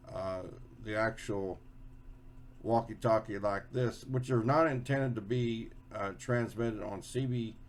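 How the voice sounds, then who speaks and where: A man hosts a hobby video, casually explaining something hands-on without a script. He halts often, repeating and rephrasing himself, in a lowish voice over slight background noise.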